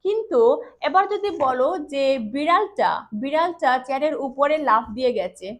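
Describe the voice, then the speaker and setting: High-voiced woman teaching grammar slowly. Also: expressive. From Tripura, India. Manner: slow and deliberate, repeats each example. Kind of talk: classroom-style grammar lesson.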